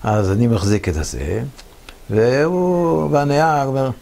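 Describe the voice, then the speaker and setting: A man's voice: medium pitch, vocal fry, dark tone. A man in his seventies from Israel, a veteran telling his war memories in an interview. He tells the story vividly and acts out what others said. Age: 70s.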